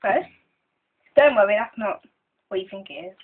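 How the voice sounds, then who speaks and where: A woman's voice: medium pitch, lively intonation, moderate pace, breathy edge. A woman chatting casually as a vlogger in a challenge video. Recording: tinny, phone-like band-limited sound.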